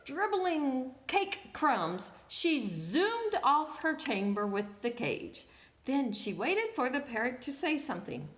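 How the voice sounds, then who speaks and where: Reading a picture book aloud to children, a storyteller draws out words and asks her listeners questions. Her voice sits high and a bit bright with big pitch swings, moving slowly in an echoey room.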